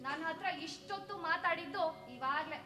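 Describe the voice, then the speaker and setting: Woman voicing a bitter dead wife's spirit, very high voice, bright, stage drama, echoey room. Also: moderate pace, a little hiss or hum. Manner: bitter, cutting, reproachful. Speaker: stage actor.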